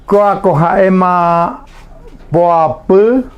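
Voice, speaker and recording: A man teaching a language lesson on the radio, saying each word slowly and repeating it patiently so listeners can copy. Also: high-pitched, smooth. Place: radio studio.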